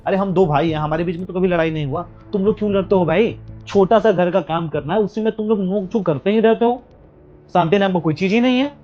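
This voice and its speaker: A lecturing elder brother, played by a man who scolds the women of the house in a homemade family drama. His voice is a bit high for a man. The sound is dull and lo-fi, with faint music underneath. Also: quick pace, darkish tone, close to an everyday voice. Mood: scolding. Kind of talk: amateur family drama acting.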